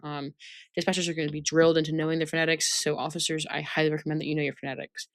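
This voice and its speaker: Rapid-fire and level in tone, this low-voiced woman runs an informal training session, reading out points and explaining them. She keeps checking that listeners follow with tag questions. The recording is studio quality, with no echo.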